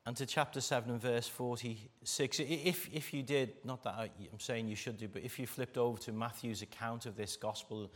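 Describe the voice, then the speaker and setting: A man's voice: mid-range voice, fairly even intonation, brisk, few pauses. A man with an English East Midlands accent from Derbyshire, preaching a church sermon in an emphatic way, repeating phrases for weight. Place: speaking live to a church congregation.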